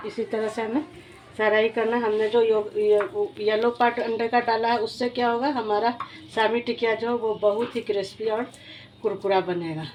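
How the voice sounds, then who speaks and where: A woman's voice: medium pitch, a little mellow, slight background noise. A woman, hosting a home cooking demonstration in a homely, repetitive way, often restarting her words. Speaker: cooking channel host.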